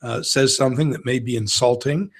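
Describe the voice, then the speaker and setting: Older male co-host, husky voice, measured and attentive, radio studio desk mic. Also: medium pitch. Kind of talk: radio interview. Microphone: desk microphone.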